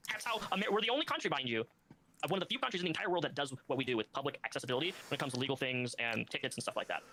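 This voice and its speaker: Bright, rapid-fire man on a noisy mic. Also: medium pitch, lively intonation. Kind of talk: casual chat.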